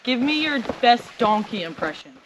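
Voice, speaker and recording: A woman's voice: on the high side, sing-song, moderate pace, background noise. A woman talking in a playful, teasing way while hiking a trail outdoors with her cousin. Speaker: vlogger's cousin and hiking companion. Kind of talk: casual chat on a hike.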